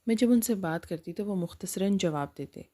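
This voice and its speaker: A woman's voice: mid-range voice, expressive, mellow. A woman narrating a first-person dramatic story in an earnest, emotional manner.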